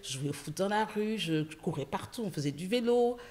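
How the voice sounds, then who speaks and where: A woman from Senegal, a guest entrepreneur, telling stories in a casual interview, lively, with many fillers. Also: mid-range voice, a little fast. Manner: lively storytelling with frequent fillers. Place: podcast studio.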